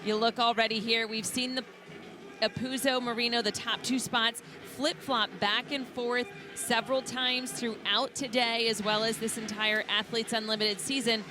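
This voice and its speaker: A woman giving color commentary on a live lacrosse broadcast, with energetic analysis. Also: on the high side, moderate pace, music in the background.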